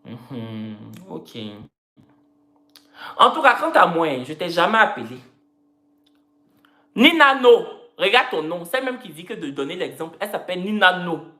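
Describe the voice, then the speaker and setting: A woman's voice: on the low side, sing-song, moderate pace, bright, forceful tone. A woman chatting casually on a live stream, teasing and repeating her phrases in a playful, joking way. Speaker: social media personality. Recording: roomy echo.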